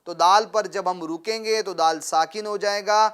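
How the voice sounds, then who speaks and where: A man's voice: high-pitched, fairly even intonation, a bit bright, clean tone. A man teaching Quran recitation to a child, asking questions and having the pupil repeat after him, with frequent praise. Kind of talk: patient call-and-response teaching.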